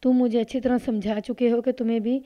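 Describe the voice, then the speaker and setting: Woman voicing a defensive young man in a storybook reading, guarded and uneasy, fairly high voice, lo-fi sound. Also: level tone, natural voice. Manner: defensive, then fearful. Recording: dull lo-fi recording.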